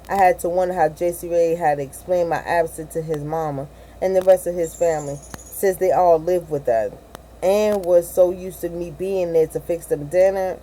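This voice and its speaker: A woman reads a novel aloud in a low, mellow voice, often tripping over words and going back to fix them. A faint hiss sits under the recording. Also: low-quality recording. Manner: stumbling, self-correcting, with asides and laughs. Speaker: reader of a novel. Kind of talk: amateur audiobook reading.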